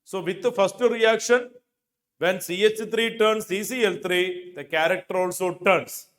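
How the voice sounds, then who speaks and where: An unhurried, high-pitched male voice with a fairly bright tone belongs to a middle-aged chemistry teacher with an Indian accent. He leads an exam coaching session that tackles questions one by one, restating key phrases for emphasis. He's miked with a lapel microphone in an indoor studio that has a digital board.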